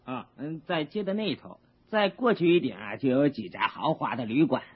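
A man's voice: mid-range voice, expressive, moderate pace, husky, dull audio. An actor in a radio drama playing a friendly, helpful man of the town.

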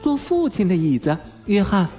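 A man's voice: sits high, very animated, normal speed, warm tone, faint music behind, pitched above the performer's own voice. A man voicing a bossy, motherly girl who plays mother to a crowd of boys and scolds them fussily. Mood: fussy. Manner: scolding, fussy.

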